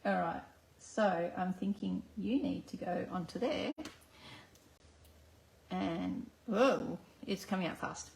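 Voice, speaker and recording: A woman's voice: fairly low pitch, takes it slowly, creaky, pauses often, darkish tone. An Australian woman giving a live card-making demonstration, chatting and talking herself through each step at her crafting table. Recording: echoey room, faint background noise.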